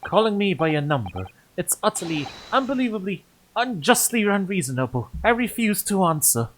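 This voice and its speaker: A man voicing a nervous, paranoid Japanese author locked in a prison cell, with a British accent and shrill outbursts. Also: sing-song, takes it slowly, slight background noise, poor audio. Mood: indignant. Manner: jittery, suspicious, bursts into shrill outcries.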